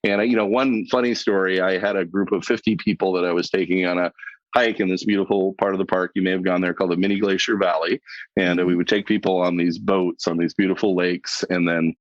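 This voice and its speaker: A middle-aged man speaks as a podcast guest, spinning lively anecdotes with easy laughter. His voice sits somewhat low. The recording is dry and slightly muffled, with a lo-fi edge. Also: quick pace, no room sound. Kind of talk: storytelling in a podcast interview. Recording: dull lo-fi sound, dry.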